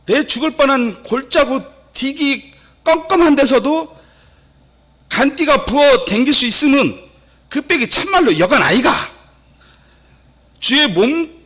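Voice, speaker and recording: A folksy Gyeongsang countryman, as a man puts him on, drawls loud and high. His emphatic voice rings bright and forceful. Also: heavily acted. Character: folksy southeastern Korean man reciting psalm.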